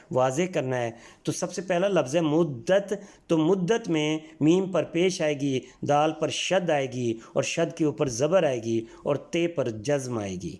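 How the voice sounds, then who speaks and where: A Pakistani man with a fairly high, slightly mellow voice teaches a school language lesson. He patiently works through the textbook exercises, spelling words out sound by sound.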